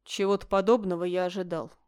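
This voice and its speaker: A woman's voice: on the low side, clear, resonant tone, close to an everyday voice. Woman voicing a stern, cold emperor. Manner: flat, insistent, slow questioning. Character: stern young male emperor, cold and demanding.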